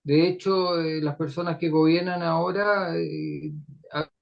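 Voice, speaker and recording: An economist on a remote video call, his choppy audio breaking up as the signal drops, talking haltingly with many restarts. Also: on the high side, steady tone, vocal fry. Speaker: economist presenting to a panel. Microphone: laptop on a video call. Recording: dull lo-fi remote call line.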